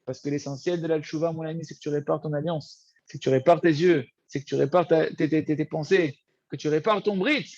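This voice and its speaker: A man teaching a Torah lesson, lively and repetitive, often addressing his listeners as friends. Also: on the high side, brisk, no room sound, dull audio. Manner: animated, repeats words, addresses listeners as friends. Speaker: rabbi teaching.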